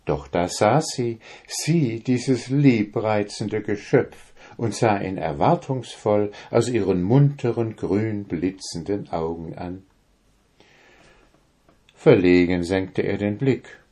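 Male narrator for a fairy tale, slow and mellow. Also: fairly low pitch. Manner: calm, unhurried. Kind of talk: storybook reading.

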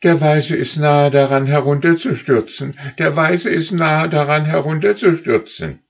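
A man voicing a flock of wild geese who call out again and again in high, shrill tones from the back of the flock. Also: fairly even intonation, a little slow, vocal fry, highs cut off. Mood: urgent calling. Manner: shrill repeated calls.

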